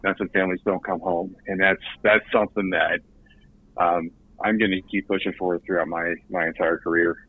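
A man's voice: low voice, fairly even intonation, a little fast, breathy edge, dry recording. A man, a guest on a podcast interview, talking in an earnest way and often repeating words as he restarts. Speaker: recruiting director guest. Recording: tinny phone line.

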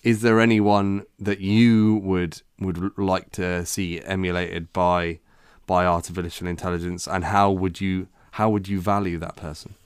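Deep-voiced man, casual rambling chat. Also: flat delivery, measured pace, few pauses, clean tone, no room sound, studio quality. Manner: rambling, hesitant, with many restarts. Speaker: podcast co-host.

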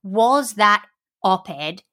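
A young woman co-hosting a podcast, talking in a relaxed, chatty way and leaning on filler words. Her voice is bright and clear, sitting at a middling pitch. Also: very slow. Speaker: podcast co-host. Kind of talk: casual chat.

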